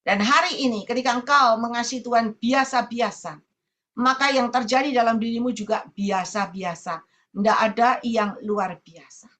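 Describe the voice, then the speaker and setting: Woman, evangelist, colloquial sermon, emphatic repetition, somewhat high voice. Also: a bit bright. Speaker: evangelist preacher. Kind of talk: sermon over online meeting.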